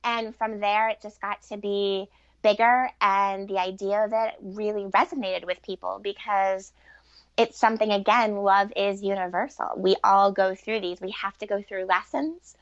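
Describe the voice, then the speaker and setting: In a mid-range voice with fairly even intonation and normal speed, a middle-aged woman answers podcast interview questions. She's a relationship author and coach speaking earnestly, reflectively and conversationally, and the audio has no room sound but is dull and lo-fi.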